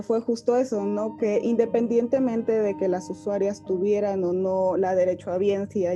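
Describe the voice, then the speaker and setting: A woman's voice: mid-range voice, dark tone, lo-fi sound. A woman, an expert explaining rights in an interview, listing points one by one.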